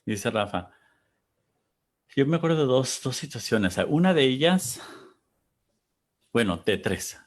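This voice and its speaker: A man interpreting an interview aloud, halting and searching for words as he goes. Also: mid-range voice, animated.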